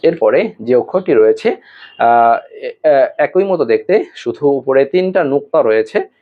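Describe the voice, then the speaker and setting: A male Quran teacher giving an online lesson, explaining how to pronounce Arabic letters slowly, with pauses and fillers, and drawing out the letters as examples. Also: medium pitch, lively intonation. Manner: slow and deliberate, with hesitation fillers, drawn-out model pronunciations. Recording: tinny phone-like audio.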